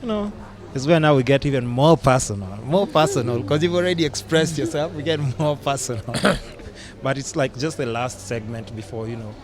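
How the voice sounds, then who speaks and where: A young man with a Kenyan accent hosts a relaxed podcast chat, talking at an ordinary pitch. He is chatty and teasing and laughs easily. A crowd can be heard clearly behind him. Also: moderate pace. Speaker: podcast host.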